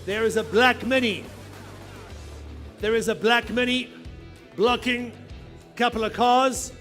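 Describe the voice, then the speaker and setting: A male auctioneer runs a live sale in a very high-pitched voice. He is commanding and insistent, chanting figures and pressing for bids. Music plays behind him. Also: fairly even intonation, measured pace, a bit bright. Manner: insistent, commanding, urging bidders. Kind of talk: live auctioneer chant, rapid repeated bid calls.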